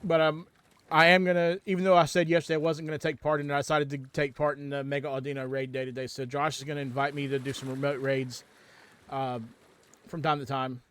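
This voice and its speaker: A man talks over his livestream through a headset mic, his voice a bit higher than most men's. He rambles loosely, breaking off and restarting sentences and filling gaps with ums, the way a streamer chats between moments of play. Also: a bit bright, clear, resonant tone. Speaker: livestream gamer. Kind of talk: casual stream chat.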